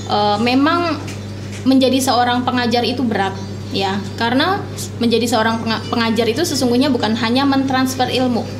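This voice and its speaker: A middle-aged woman hosting a casual talk show, asking questions and agreeing often with soft affirmations. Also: fairly high pitch, normal speed, roomy sound, background noise. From Indonesia. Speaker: host.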